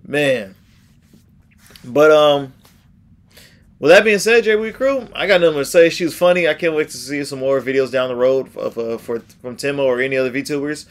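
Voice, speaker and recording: A man's voice: medium pitch, normal speed. A man in his thirties chatting casually as a reaction video host, laid-back and slangy with exclamations. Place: small furnished room at home.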